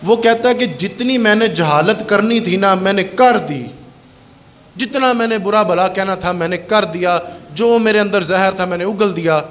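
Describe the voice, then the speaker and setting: A middle-aged man giving an impassioned, colloquial storytelling sermon as an Islamic preacher. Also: high voice.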